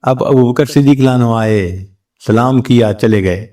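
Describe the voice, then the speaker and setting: A man's voice: medium pitch, dark tone, recorded from a distance. A male religious scholar giving a sermon, telling a story and acting out the quoted exchanges.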